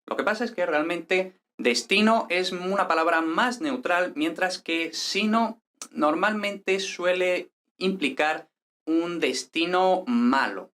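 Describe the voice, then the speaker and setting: A man gives a patient grammar lesson, often asking "¿vale?" and reading example sentences slowly with stress. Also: sits high, a bit bright. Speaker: Spanish grammar teacher.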